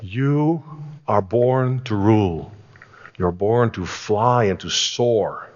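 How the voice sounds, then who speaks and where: A man voicing the farmer's earnest friend, who speaks in a slow, proclaiming way in a reverberant hall. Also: on the low side, darkish tone. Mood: solemn. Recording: reverberant hall, dull sound.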